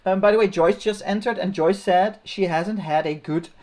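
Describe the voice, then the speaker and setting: A woman hosting a casual livestream chat, relaxed and halting, often restarting her sentences. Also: mid-range voice. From Netherlands. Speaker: host.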